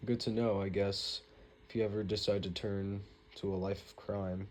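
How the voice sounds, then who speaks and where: Wry, teasing young woman paralegal, read by a young man in his own low voice. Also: little pitch movement, moderate pace, darkish tone, slight background noise, lightly acted. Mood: sarcastic. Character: sassy young woman law student paralegal.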